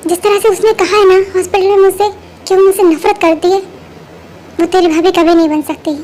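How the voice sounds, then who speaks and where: A brooding, lovesick young man who answers curtly and gloomily, voiced by a woman. The voice sits very high. It is a fan-made audio drama dub. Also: little pitch movement, a little fast, a little mellow, a little hiss or hum.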